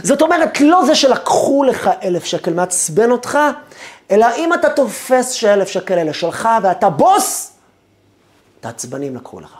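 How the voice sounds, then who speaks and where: A male rabbi delivers a spirited lecture, his voice swinging widely up and down as he presses his points. He asks rhetorical questions and answers them himself, mixing teaching with vivid storytelling. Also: high-pitched. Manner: expressive, emphatic, rhetorical questions.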